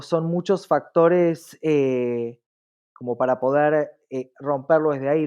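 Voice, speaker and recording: A woman whose voice sits low speaks with an Argentine accent as an interview guest, explaining matters in a reflective, conversational manner. She often poses rhetorical questions, and the sound is lo-fi.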